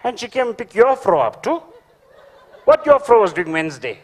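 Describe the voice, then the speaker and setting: A man's voice: high-pitched, big pitch swings, normal speed. A man with a Durban Indian South African accent doing live comedy dialogue on a theatre stage, questioning in an exasperated way. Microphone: handheld microphone.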